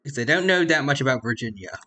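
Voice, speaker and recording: A man's voice: medium pitch, expressive, fast talker, pushed and bright. A man streaming a game, making casual joking comments and reading chat aloud. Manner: joking asides, reads chat. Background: faint game music.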